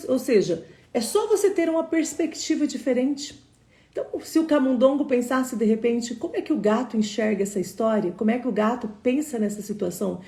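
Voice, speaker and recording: A woman's voice: a little high, creaky, mellow. A woman giving a live online motivational talk in a conversational way, often checking in with a tag question, recorded in an echoey room. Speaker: motivational speaker.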